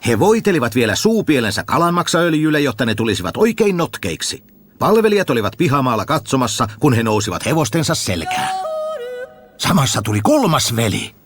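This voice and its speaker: A man narrating a fairy tale with a very expressive reading. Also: medium pitch. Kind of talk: storybook narration. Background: faint music.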